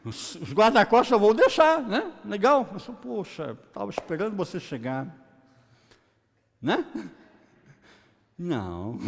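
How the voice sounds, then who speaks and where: A man preaching a lively sermon in a colloquial, joking way, acting out Bible scenes. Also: a little high. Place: church hall. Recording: long church-hall reverb.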